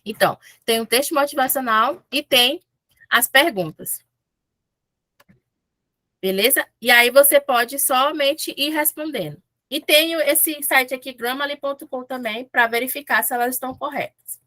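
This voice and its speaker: A woman's voice: sits high, normal speed, pushed and bright, no echo. A woman from Brazil teaching English in a casual, chatty lesson, often checking in with her listeners.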